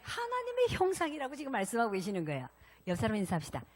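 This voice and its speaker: A woman pastor preaches with animated, lively intonation, pitched fairly high for a woman. She talks to her congregation directly, asking questions and prompting them to respond. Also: rapid-fire. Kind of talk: sermon.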